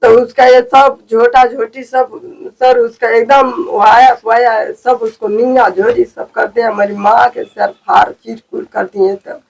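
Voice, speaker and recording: A woman in tears pleads with the reporter in a high, gravelly, husky voice, her rushing out. She sounds far from the mic. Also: flat delivery. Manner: pleading, rapid tearful telling. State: crying. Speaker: interviewee, victim's relative. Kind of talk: distressed field interview.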